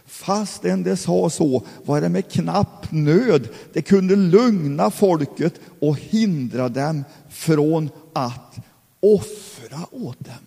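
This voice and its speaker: A man leads an informal Bible study, reading verses aloud and then explaining them in a halting, stop-start way. His voice is fairly high for a man, yet mellow and slightly husky. The sound carries a long reverb, as if from a church hall. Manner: halting, many restarts, explains in plain words.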